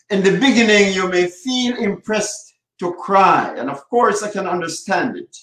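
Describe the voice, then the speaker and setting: A high-voiced man coaching on relationships, talking slowly and leaning hard on each point. He repeats his key phrases for weight. The sound bounces around an echoey room. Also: fairly bright tone. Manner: emphatic, repeats key phrases with slow drawn-out stress. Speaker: marriage coach. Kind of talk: advice talk to camera.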